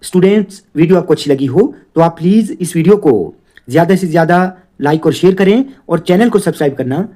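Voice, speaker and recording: A man's voice: a little high, animated, a little fast, warm tone. A man teaching a grammar lesson, explaining patiently and often checking in with "theek hai". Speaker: Urdu teacher.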